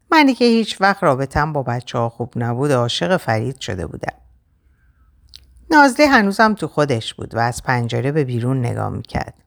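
A woman narrating a story in the first person, with a measured, expressive reading. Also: rumbling low, gravelly.

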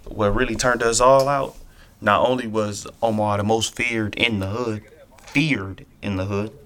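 A man's voice: lowish voice, steady tone, unhurried, fairly bright tone. A man talking in a loose, slangy ramble, often repeating "you know what I'm saying". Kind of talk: casual rambling commentary.

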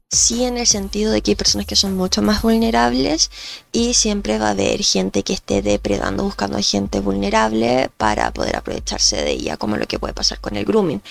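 Allergies give a nasal edge to this woman's gravelly, medium-pitched voice as she hosts her podcast. She works as a researcher and explains carefully, with frequent fillers and restarts.

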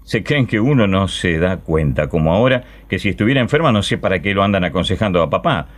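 A man's voice: low voice, animated, quick pace. A man, a radio host reading a short story aloud and speaking wistfully and intimately as a child in the first person. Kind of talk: expressive literary reading.

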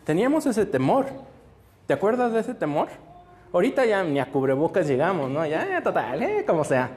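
A man's voice: sits high, big pitch swings, fairly quick, a little mellow. A man telling a Bible story to children in a playful, joking way and quizzing them as he goes. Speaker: children's preacher.

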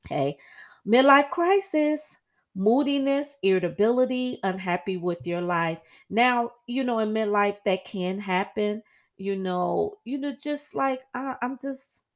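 A middle-aged woman hosting a podcast, talking casually on her own in a chatty, animated way that leaps up in pitch for quoted asides. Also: measured pace. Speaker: podcast host. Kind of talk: casual solo podcast monologue.

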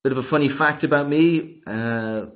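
A man's voice: a little high, normal speed. An Irish man in his thirties hosting a casual podcast chat, upbeat and chatty. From Ireland. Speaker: podcast host. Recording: tinny phone-like line.

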